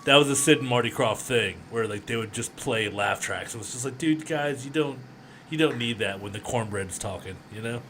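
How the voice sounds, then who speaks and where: A man's voice: medium pitch, brisk, a bit bright, a little hiss or hum. A man co-hosting a podcast in casual chat, laughing often and trailing into restarts. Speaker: podcast co-host.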